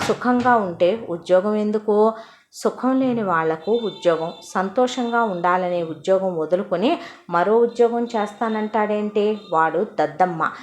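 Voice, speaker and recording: A woman's voice: mid-range voice, unhurried, darkish tone, a little hiss or hum, close to an everyday voice. Woman voicing a rambling half-mad old father. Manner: wordplay-filled, philosophical rambling. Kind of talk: Telugu audio story acting.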